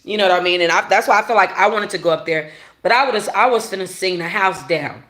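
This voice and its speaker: A woman hosting a casual commentary chat, animated and laughing, with loud exclamations. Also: on the low side, fast, roomy sound. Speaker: podcast host.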